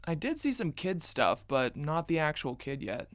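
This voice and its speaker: A woman's voice: low voice, very animated, moderate pace, no room sound. A woman puts on a playful young man, a flamboyant best friend in a narrated story. He talks in a campy, emphatic way and loves to tease. The recording is dry and close. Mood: musing, playful. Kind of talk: acted storybook dialogue.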